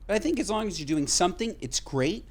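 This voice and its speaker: Speaking in quick, emphatic bursts, this man co-hosts a podcast, keeping the chat casual and cursing freely. His voice is high-pitched with lively intonation.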